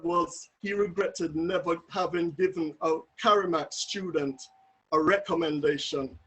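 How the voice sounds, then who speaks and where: A man with a Jamaican accent tells a family memory during a tribute, speaking over a video call. His voice sits high for a man, and he tells the story in a lively, anecdotal way. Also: husky, poor audio. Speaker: family member giving a tribute.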